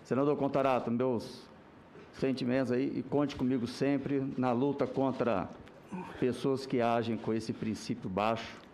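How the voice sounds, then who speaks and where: A Brazilian man cutting in at a parliamentary hearing, indignant yet sympathetic. His voice is of ordinary male pitch, and there is a faint background hiss behind him. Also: steady tone, unhurried, a little mellow. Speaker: senator. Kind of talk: spontaneous remarks at a hearing.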